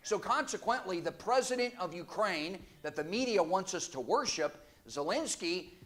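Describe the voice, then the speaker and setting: Male preacher, high register, forceful sermon delivery with sarcastic asides. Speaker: guest preacher. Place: church.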